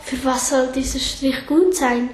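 A woman's voice: high voice, steady tone, measured pace, slight background noise. A woman voicing an eager, curious girl in a read-aloud story, in an echoey room.

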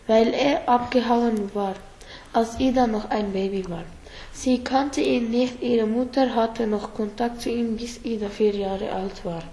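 A woman reading a children's story aloud, halting and stumbling over words now and then. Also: a little high, mellow. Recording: roomy echo, faint background hiss.

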